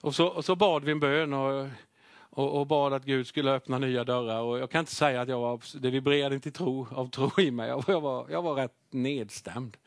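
A middle-aged man preaching, telling a personal testimony with animated, self-mocking storytelling. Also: medium pitch, no room sound, studio quality. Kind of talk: sermon testimony.

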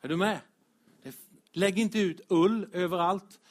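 A man preaching a lively, direct sermon as pastor to his congregation. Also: high-pitched. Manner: animated, direct, addresses congregation, chuckles.

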